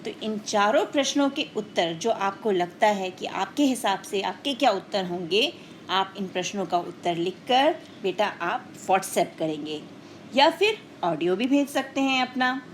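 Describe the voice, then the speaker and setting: A woman teacher with a mid-range, animated voice speaks a little slowly as she tells children a scripted story with a moral. She is didactic, explaining things and putting questions directly to the listeners, over a faint hiss or hum.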